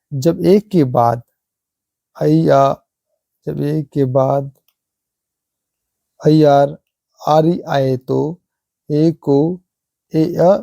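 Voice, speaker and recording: A man teaching English pronunciation, repeating example words slowly and asking rhetorical questions. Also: on the high side, creaky, dark tone, dry recording. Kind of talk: slow classroom explanation.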